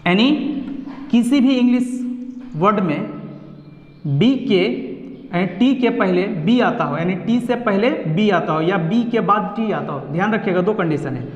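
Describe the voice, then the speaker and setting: High-voiced man teaching in an echoey room. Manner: slow and repetitive, explaining step by step. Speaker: English teacher. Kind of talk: online pronunciation lesson. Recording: echoey room, dull lo-fi sound.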